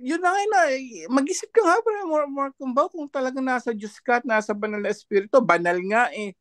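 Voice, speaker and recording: Brief: high-pitched male panelist, dry close sound, scornful and chuckling. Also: expressive, fairly quick, a bit bright, no echo. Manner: mocking, laughs often between jabs. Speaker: panelist commenting on a debate. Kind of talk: online discussion commentary.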